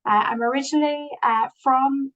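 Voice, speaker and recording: A woman's voice: sits high, fairly even intonation, moderate pace, a bit bright, lo-fi sound. A woman with a Yorkshire accent, presenting to an online meeting in an earnest way with many fillers and restarts, heard over a video call. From England. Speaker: guest presenter.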